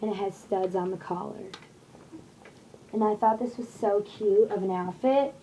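A young woman chats through a shopping haul, rambling along with plenty of fillers. Her voice is mellow and soft-edged. It is caught on a desktop webcam in a small bedroom, with a faint hiss of room noise behind her. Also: mid-range voice, steady tone, moderate pace, low-quality recording. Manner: chatty, rambling, lots of fillers. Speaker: vlogger showing a shopping haul. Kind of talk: casual haul video. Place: small bedroom with posters, indoors. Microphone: webcam on desk at close range.

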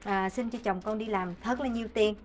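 An actress playing a nagging, devout housewife in a stage comedy sketch. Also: female voice, medium pitch, steady tone, fairly quick, a little hiss or hum, close to an everyday voice. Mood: praying. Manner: nagging, then hushed prayerful murmur.

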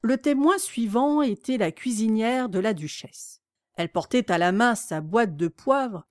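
A woman's voice: on the high side, no room sound, studio quality. Woman reading a storybook aloud. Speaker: audiobook reader. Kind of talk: storybook narration.

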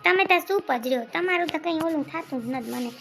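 Shrill, nagging village mother in a comedy sketch. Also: expressive, fast. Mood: scolding. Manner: nagging, loud scolding. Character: scolding older village mother, sharp-tongued.

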